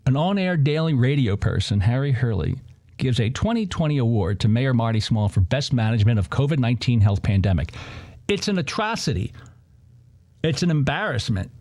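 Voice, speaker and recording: A male commentary host from New Jersey with a lively, swooping voice. He rants sarcastically, jumping between mockery and exasperation. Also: mid-range voice, a little fast. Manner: sarcastic, heated, mocking asides. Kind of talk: opinionated political commentary.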